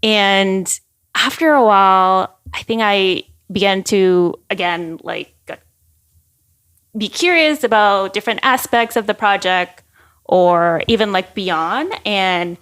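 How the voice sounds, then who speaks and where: A young woman, a podcast guest, chatting casually and telling stories with quick acted-out quotes and lots of "like". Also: medium pitch, a bit bright, clean tone. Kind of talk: casual chat.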